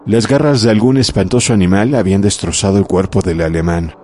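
A man narrating a horror audiobook in a measured, dramatic way. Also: lowish voice, a little mellow, slight background noise. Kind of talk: scripted narration of a horror story.

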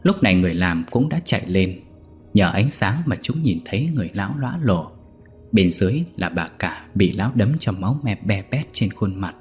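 A man reading a ghost story aloud in a steady, measured way. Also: deep voice, soft background music.

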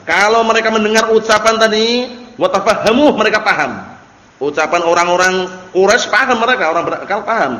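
A man's voice: high-pitched, bright, forceful tone. A man teaching a religious book, reading Arabic passages and explaining them with many repetitions. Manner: explains slowly, repeats phrases, reads Arabic then translates. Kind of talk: Islamic study lecture. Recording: echoey hall recording.

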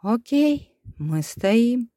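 A woman's voice: on the high side, sing-song, extremely slow, mellow, no room sound, voice pushed up, full character voice. A hard-faced armed rescuer, put on by a woman narrator in a storybook reading, clipped and threatening. The sound is dry and close. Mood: cold.

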